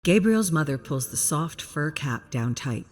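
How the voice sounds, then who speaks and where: A woman reads a scripted story as a dramatic narrator, building suspense in the present tense. Her voice sits low and sounds animated, though she takes an unhurried pace.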